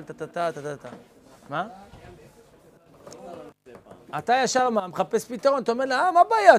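A rabbi leads an informal class for students, speaking in a fairly high, gravelly voice. He is lively and calls students by name as he teaches. He acts out little scenes from daily life to make his point.

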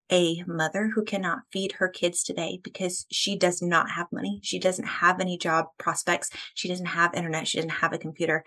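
A woman's voice: fairly low pitch, a bit bright. A woman in her thirties from the United States, a podcast guest talking earnestly and with growing passion about faith, at times close to tears. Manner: earnest and passionate, building to emotional fervor. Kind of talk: faith-focused podcast conversation.

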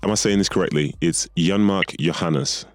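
Man, podcast host, very deep voice, chatty, teasing, dry studio sound. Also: moderate pace, no room sound. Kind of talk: podcast interview.

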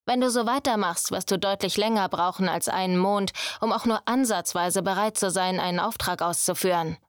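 A woman voicing a domineering young male thief mentor who scolds his apprentice with a raised, forceful voice. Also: mid-range voice, normal speed, dry recording, studio quality, close to an everyday voice. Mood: stern. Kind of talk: audiobook character voice.

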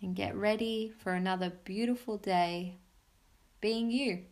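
A woman hosts a mindfulness podcast, guiding a meditation with soothing, simple, encouraging phrases. She gives her instructions unhurriedly, with pauses, in a mid-range, slightly mellow voice with fairly even intonation.

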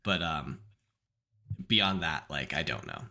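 A man's voice: very deep voice, expressive, slow pace, pushed and bright. An American man hosting a casual podcast chat, upbeat and leaning on fillers like "like" and "um". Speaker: podcast host.

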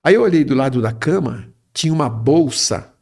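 A man's voice: mid-range voice, animated, normal speed, gravelly, darkish tone. A middle-aged man telling a personal story in a rambling, casual way, often tagging his sentences with a questioning "right?". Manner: rambling, tags phrases with "né?".

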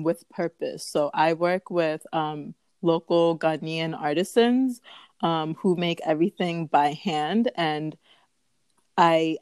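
Low-voiced woman, smooth and close. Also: darkish tone, dry recording. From United States. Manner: thoughtful, many ums. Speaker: business founder, guest. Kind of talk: conversational interview.

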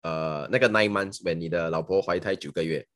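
A man's voice: deep voice, fairly quick, fairly bright tone. A Singaporean man hosting a casual interview podcast in Singlish, switching freely between English and Mandarin. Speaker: podcast host.

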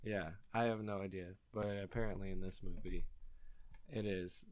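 A man's voice: low voice, steady tone, moderate pace, darkish tone, no echo. A young man co-hosting a podcast, chatting casually in a laid-back way with plenty of ums and likes. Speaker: podcast co-host. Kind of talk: casual movie review chat.

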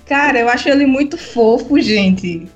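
An enthusiastic woman chats casually on a podcast, her voice sitting a little high. She talks fondly and loosely about live shows, with faint music underneath. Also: animated, normal speed, muffled recording. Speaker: podcast co-host. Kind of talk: casual chat.

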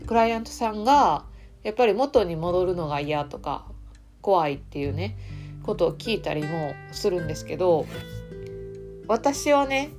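A woman with a Kansai accent hosting a casual solo podcast as a coach, talking in a relaxed, chatty way with soft fillers. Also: medium pitch.

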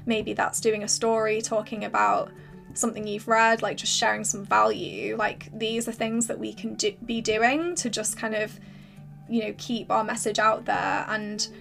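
A woman hosting a solo podcast with casual, rambling, encouraging advice, her voice slightly hoarse as if she is losing it. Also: medium pitch, level tone, moderate pace, fairly bright tone, faint music behind. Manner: informal, filler-heavy, rambling encouragement. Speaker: podcast host and creative business coach.

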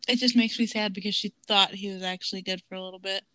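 A woman's voice: medium pitch, steady tone, fast talker, bright, forceful tone, no room sound. A woman in her thirties co-hosting a casual rewatch podcast, chatty and laughing, acting out quotes. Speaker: podcast co-host.

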